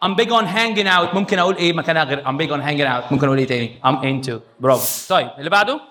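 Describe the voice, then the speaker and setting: A young man with an Egyptian Arabic accent teaching English in a lively, playful way to a live audience, laughing often as he quizzes them. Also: mid-range voice, racing. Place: youth hall with a live audience.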